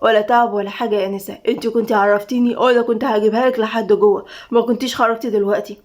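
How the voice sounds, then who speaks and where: A woman's voice: fairly high pitch, fairly even intonation, racing, lightly acted. A woman voicing a shy, polite young male guard with an Egyptian accent in an audio story. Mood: gentle. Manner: polite, nervous, warm.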